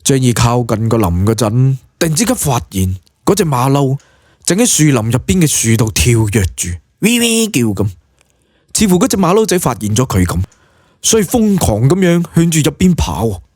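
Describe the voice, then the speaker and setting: This audiobook is voiced by a man with a Cantonese accent and a slightly husky tone, who tells the story casually and dramatically with animated pitch changes. The pace is normal, and the studio recording is clean and dry.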